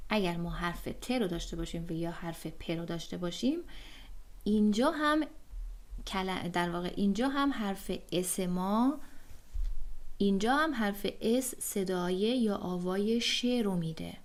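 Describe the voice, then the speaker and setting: Woman, German teacher, online lesson, patient and methodical, hesitant fillers, mid-pitched. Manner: patient, explains step by step with many fillers.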